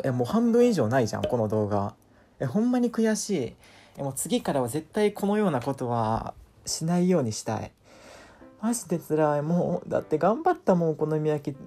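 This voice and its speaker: A man's voice: fairly high pitch, creaky, warm tone. A man with a records a casual voice-over for his vlog, complaining in an exasperated, whiny way. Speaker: vlogger.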